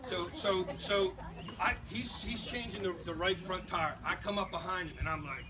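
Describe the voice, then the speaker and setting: A man and father telling a boisterous comic story live to an audience, driving toward his punchlines, recorded from a distance over a loud crowd. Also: sits high, moderate pace. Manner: animated, boisterous, punchline-driven. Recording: far mic, loud crowd and noise, live event.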